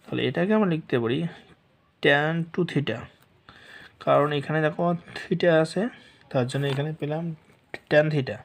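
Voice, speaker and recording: A man teaching a math lesson slowly and patiently, walking through each step and mixing English math terms into his speech. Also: fairly high pitch, creaky.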